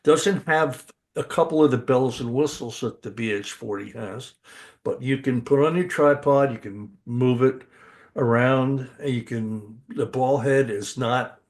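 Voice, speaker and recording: A man's voice: mid-range voice, unhurried. Older man chatting with eager, rambling enthusiasm. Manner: chatty, enthusiastic, many restarts and fillers. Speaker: podcast co-host. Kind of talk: casual podcast chat.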